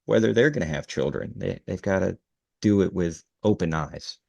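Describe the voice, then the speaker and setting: Very deep-voiced woman interviewer. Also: moderate pace, creaky, a little mellow, no room sound. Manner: supportive, frequent agreeing interjections. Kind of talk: conversational interview.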